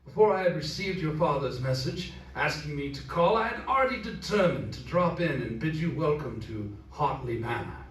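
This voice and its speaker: A man playing a courteous, formal gentleman caller in an old-time radio drama. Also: a little high, expressive, normal speed, hardly any pauses, a little hiss or hum, natural voice. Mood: polite. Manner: formal, polite. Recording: roomy, distant mic.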